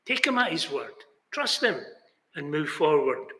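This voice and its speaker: An older man preaches a sermon in a small indoor chapel with a banner behind him, earnest and emphatic, gesturing with both hands. His voice sits on the high side, sing-song and unhurried, with a sharp tone. The recording carries a roomy chapel echo.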